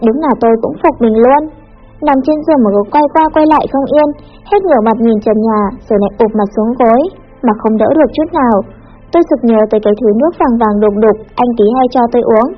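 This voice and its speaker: High-voiced, fast-talking woman narrating a story. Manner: lively, chatty storytelling. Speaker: audiobook narrator. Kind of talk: first-person story narration. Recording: muffled with soft background music.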